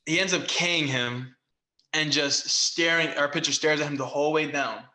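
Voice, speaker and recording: A young man co-hosting a podcast, telling a baseball story in casual chat and loudly acting out the quotes. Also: fairly high pitch, moderate pace. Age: young adult. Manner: animated, acts out quotes loudly. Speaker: podcast co-host, former baseball player. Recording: echoey room.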